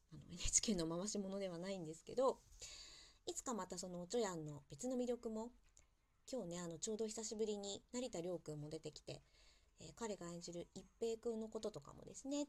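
A woman's voice: lowish voice, a little mellow. A young woman hosting a casual solo talk show, chatty and self-deprecating, with playful asides. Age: young adult. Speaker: podcast host.

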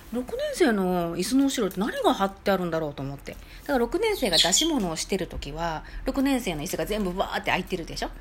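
This medium-pitched woman runs a casual talk show alone, spinning personal anecdotes and imitating the voices she quotes in a lively, chatty manner. Noise fills the background.

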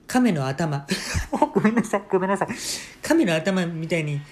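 A man putting on his excited, bawdy middle-aged mother, switching into a stiff, orderly lecturing tone. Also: on the high side, normal speed. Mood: teasing. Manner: suddenly formal, orderly lecturing tone.

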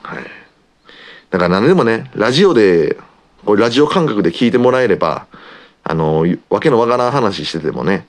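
A talkative man with an Osaka Kansai accent, chatting on his own radio-style podcast. His voice sits low but swings up and down a lot as he rambles along. He keeps filling pauses as he goes. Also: very animated. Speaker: podcast host, pro wrestler. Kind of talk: casual solo radio-style talk.

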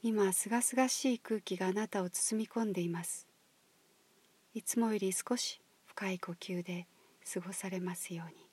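Woman guiding a whispered meditation. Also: medium pitch. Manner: soft, slow, breathy near-whisper. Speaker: meditation guide. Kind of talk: guided meditation. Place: outdoors at a highland marsh.

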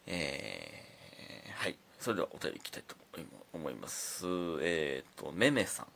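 A man's voice: a bass voice, huge pitch swings, unhurried, vocal fry, fairly bright tone, slight background noise. A young man with a Kansai accent hosting his own casual solo comedy talk show, telling stories in a laid-back, rambling way. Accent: Kansai Japanese. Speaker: comedian podcast host.

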